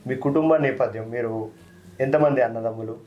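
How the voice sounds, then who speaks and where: A man with a Telangana Telugu accent hosting a folk talent channel, interviewing a singer in a friendly, quick manner. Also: medium pitch, dull audio, a little hiss or hum. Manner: fast, friendly, keeps saying "anna". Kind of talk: casual interview.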